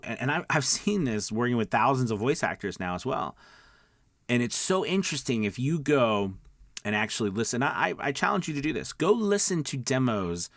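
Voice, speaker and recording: This middle-aged man hosts videos and coaches voice-over, talking to viewers in a relaxed instructional way. He's emphatic and keeps checking in with listeners, his lowish voice fairly bright tone against a clean, roomless studio sound.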